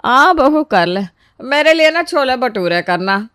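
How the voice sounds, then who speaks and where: A woman plays a lazy, complaining mother-in-law in a comedy cartoon, loud and whiny. Her voice is smooth and clear, and the recording is dry. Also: high-pitched, sing-song, measured pace, dry recording, voice pushed up, heavily acted.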